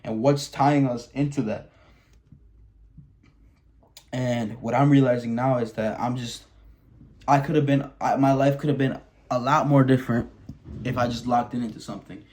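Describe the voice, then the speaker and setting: Speaking to camera at a normal speed with frequent pauses, a young Wisconsin man in his early twenties gives a blunt, candid monologue. He's a vlogger who swears often and restarts sentences, and his medium-pitched voice stays steady and slightly mellow.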